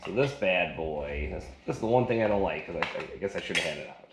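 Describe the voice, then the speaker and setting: A product reviewer with a deep voice, lively intonation and quick pace gives a casual hands-on gadget review indoors. He rambles colloquially with folksy slang, in an echoey room with loud noise.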